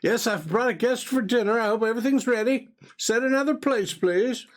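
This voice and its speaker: A man's voice: a little high, unhurried, vocal fry. A man voicing a genteel, pompous middle-aged professor who talks in a formal, fussy, old-fashioned way.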